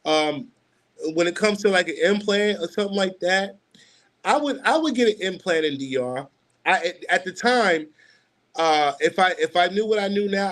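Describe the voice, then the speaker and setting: Rambling man in his forties, higher voice. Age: 40s. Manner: rambling, many fillers and restarts. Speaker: livestream host. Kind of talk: casual livestream chat.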